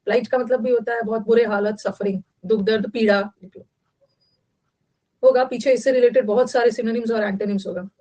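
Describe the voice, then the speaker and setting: Hindi-teacher woman, higher voice. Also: fairly even intonation, brisk, dark tone, low-quality recording. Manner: mixes Hindi and English, repeats words, quizzes students. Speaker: English vocabulary teacher. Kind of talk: online class lecture.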